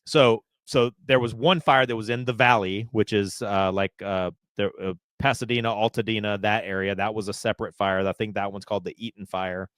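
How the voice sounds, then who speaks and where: Laid-back man with a low voice. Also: steady tone, brisk, hardly any pauses, fairly bright tone, no echo, studio quality. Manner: laid-back, explains with many fillers. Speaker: podcast co-host. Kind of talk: casual podcast chat.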